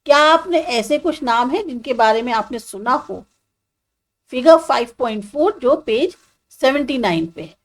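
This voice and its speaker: A woman's voice: high-pitched, expressive, normal speed. A woman teacher explaining a social science textbook chapter step by step, asking students questions and mixing in English terms.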